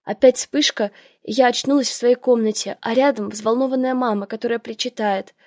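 A woman narrating a first-person novel in a lively, expressive way. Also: a little high, brisk, no room sound, clean studio sound. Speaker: audiobook narrator.

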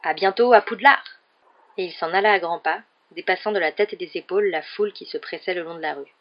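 A woman narrating an audiobook in a steady, measured storytelling voice. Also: fairly low pitch, dull audio.

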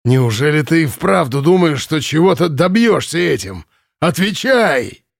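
A man reading the part of a drunk, raging male Nazi camp commandant in an audiobook, shouting and ranting in a bullying, unhinged way. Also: very animated, drawn-out words, vocal fry, no room sound, clean studio sound, exaggerated voice. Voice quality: shrill, furious shouting.

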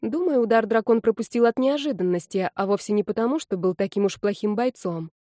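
Narrating a fantasy tale in the first person, a woman sounds lively and wry, her tone mellow and dark. She speaks at medium pitch and fairly quickly, and the close, dry recording has no room sound.

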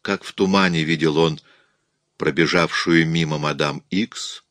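A man reading a story aloud as an audiobook narrator, in a measured, steady storytelling manner. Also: rumbling low, no room sound. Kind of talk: scripted narration.

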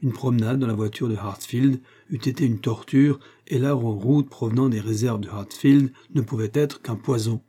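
A man narrating a classic novel as an audiobook, reading in a measured, even way. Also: medium pitch, husky.

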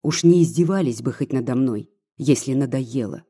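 A man's voice: mid-range voice, moderate pace, dark tone, slightly rough, natural voice. A man reading aloud as a desperate woman who speaks bitterly and pleads feverishly. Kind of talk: audiobook reading.

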